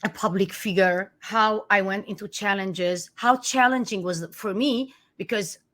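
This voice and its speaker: An author and life coach whose first language is Armenian speaks in a conversational interview, earnest and emphatic with many restarts. Her voice is medium-pitched, unhurried and fairly bright.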